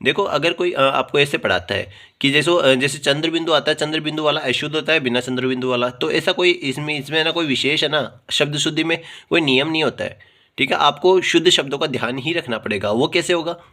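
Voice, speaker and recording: A man's voice: a little high, bright, forceful tone. A man teaching a Hindi grammar lesson, explaining patiently and checking in with "theek hai" after nearly every point, repeating words to drill them. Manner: repeats words slowly and drills correct spellings.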